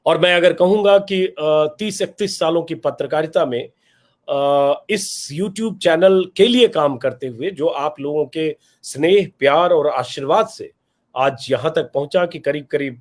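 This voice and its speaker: A man in his fifties speaks straight to his viewers as host of his own channel. His voice sits fairly high for a man. He explains at length in an earnest way, pausing often and ticking through lists of places and examples. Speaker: journalist and YouTube channel host. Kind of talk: direct-to-camera talk to viewers.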